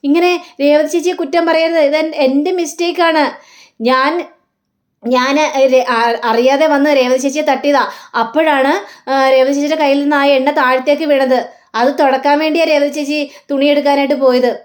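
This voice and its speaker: An earnest young wife voiced by a woman pleads and apologizes. The voice sits high. She is a figure in a soap-serial retelling. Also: steady tone, brisk, lightly acted. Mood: pleading.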